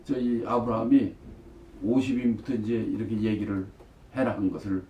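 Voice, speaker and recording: A man's voice: fairly low pitch, steady tone, normal speed. Male missionary leading Bible study, reads verses then explains them with rhetorical questions; dull lo-fi recording in a roomy space. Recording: echoey room, distant mic, dull lo-fi sound.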